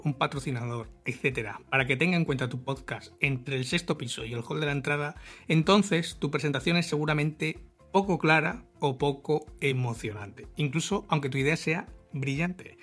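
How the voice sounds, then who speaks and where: A man's voice: on the high side, a bit bright. Chatty man hosting a podcast lesson. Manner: casual, chatty explaining with asides. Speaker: podcast host.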